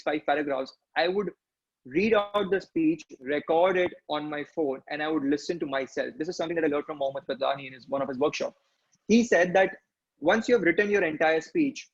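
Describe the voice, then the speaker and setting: Indian English male trainer, fairly high voice, a bit husky, instructive and quick, dull online-session audio. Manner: instructive, fast, frequent tag questions. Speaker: public speaking trainer.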